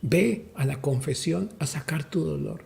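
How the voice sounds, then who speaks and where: Guy preaching hard, kinda high voice but dark and gravelly. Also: a little slow. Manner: emphatic, addresses listeners as brother. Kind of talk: preaching-style talk.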